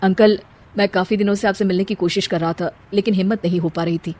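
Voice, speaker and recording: A woman voicing a soft-spoken young husband. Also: mid-range voice, steady tone, fast, heavy background noise, lightly acted. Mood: shy. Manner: soft, reassuring. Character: gentle young husband, soothing and kind.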